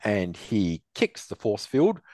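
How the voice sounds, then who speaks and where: A podcast host retells an episode with lively storytelling. His voice sits low but swings widely, and the sound is close and dry. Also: slow, no room sound. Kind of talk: recapping an episode aloud.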